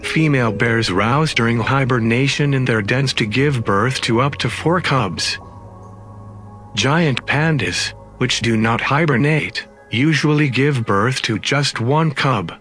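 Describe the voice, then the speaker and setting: A man's voice: medium pitch, takes it slowly, fairly bright tone. A man reading scripted narration in the manner of a nature documentary. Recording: music under the voice. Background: background music.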